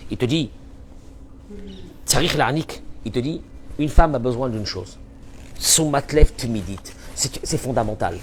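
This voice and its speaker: A man teaching as a rabbi in a Torah lesson. He talks emphatically, repeats his key phrases, and swings between loud and soft. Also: mid-range voice, unhurried, pauses often, a little hiss or hum.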